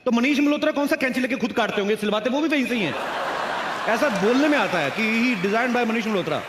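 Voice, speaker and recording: High-voiced cheeky male comedian on stage. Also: expressive. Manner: cheeky, joking, quick retorts. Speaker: comedian host. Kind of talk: comic banter on an award stage. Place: large award show stage. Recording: roomy hall with crowd and noise.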